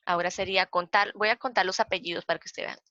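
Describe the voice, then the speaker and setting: Explaining slides at a citation workshop, a Costa Rican-accented librarian keeps a patient pace, repeating herself and counting aloud slowly. Her medium-pitched voice is pushed and bright with fairly even intonation. There's no room sound, and the audio is dull, dry and lo-fi.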